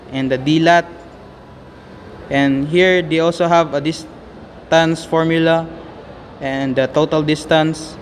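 A man's voice: fairly high pitch, slight background noise. A young man casually walking through a navigation calculator app, input by input. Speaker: app demonstrator. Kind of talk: screen-recorded app tutorial.

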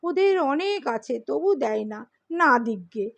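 A woman reading the part of a poor, gentle old farmer, speaking softly and pleadingly in a storybook reading. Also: high-pitched, expressive, slow pace, creaky, dry recording, dull audio, full character voice. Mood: grieving. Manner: soft, hushed and pleading.

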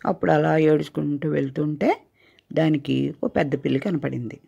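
An older woman telling a children's story as a grandmother, in a gentle, coaxing tone. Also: deep voice, normal speed, creaky, husky. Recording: dull lo-fi recording.

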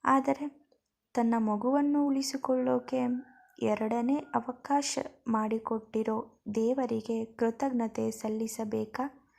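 Woman narrating a serial story, mellow. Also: fairly high pitch, vocal fry.

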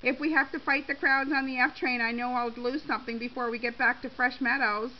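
A woman reading a story, voicing a feisty older woman shopper in a slightly higher, brassy voice. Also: fairly even intonation, brisk, natural voice. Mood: chatty. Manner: defiant, brassy. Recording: slightly dull with faint hiss.

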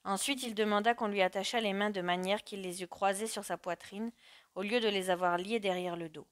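Woman reading an audiobook, measured and dramatic, mid pitch. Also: steady tone, dry recording. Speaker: narrator. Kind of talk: audiobook narration.

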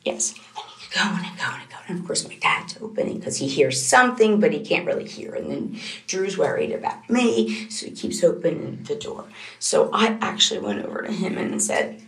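A young woman questioned by police in an interrogation room, recounting a night at home in a halting, distraught way. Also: fairly low pitch, big pitch swings, roomy sound. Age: young adult. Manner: halting and distraught, voice rising as she talks. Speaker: suspect under police questioning.

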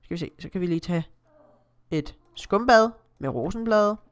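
A woman's voice: fairly low pitch, lively intonation. A woman with a Danish accent, chatting casually through her own gameplay as a Let's Play host, reading the screen aloud and exclaiming often.

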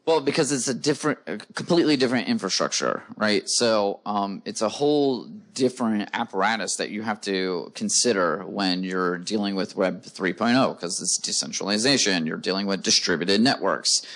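A man's voice: on the low side, moderate pace, few pauses, fairly bright tone. A man speaking as a guest in an onstage conference interview, explaining in long runs full of "uh" fillers, into a handheld mic. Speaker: guest, company co-founder. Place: conference stage before a live audience.

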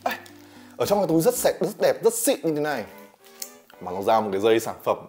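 A man's voice: on the high side, big pitch swings, fast talker, mellow, soft background music. A man in his thirties, a fitness YouTuber, chatting animatedly to camera in a home gym room, gesturing a lot and teasing viewers. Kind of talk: casual talk to camera.

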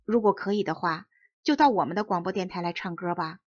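A solemn, formal shadow who runs a magical radio station, read by a woman. The voice is quiet and earnest, with dull, dry storybook-audio sound. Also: on the low side, fast talker, dry recording, lightly acted. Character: mysterious shadow, director of the west wind radio station.

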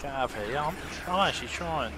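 Lively joking male gamer. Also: a little high, fast talker. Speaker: gaming video host. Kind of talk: casual joking gameplay commentary. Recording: clear background game noise. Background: video game ambience.

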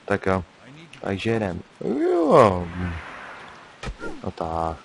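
A man's voice: low voice, wildly swooping pitch, gravelly, poor audio. A young man giving casual, chatty commentary while playing a game, often muttering to himself. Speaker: gameplay commentator. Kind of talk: casual let's-play commentary. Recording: faint hiss.

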